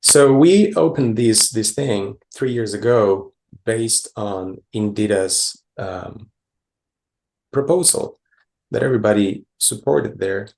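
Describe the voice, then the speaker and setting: Gravelly low-voiced man from Costa Rica. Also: slow, darkish tone. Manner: hesitant, many fillers and restarts. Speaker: conference presenter. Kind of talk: conference talk with slides.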